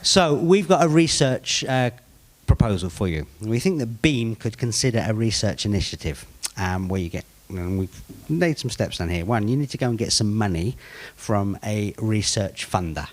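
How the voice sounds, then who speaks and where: A man's voice: on the low side, animated, normal speed, hardly any pauses. A man with a British accent presenting his group's proposal at a conference, with teasing humor before getting practical. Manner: jokey, teasing, then practical.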